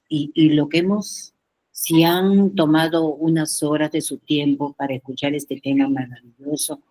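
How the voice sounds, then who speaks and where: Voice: medium pitch, darkish tone, husky, low-quality recording. A meeting leader giving an earnest teaching talk to a spiritual group, with rhetorical questions.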